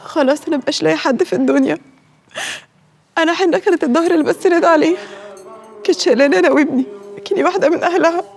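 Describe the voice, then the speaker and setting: A woman's voice: extremely high pitch, racing, creaky, pauses often. An actress playing a grieving young mother with an Egyptian Arabic accent, lamenting a lost friend. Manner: tearful, lamenting.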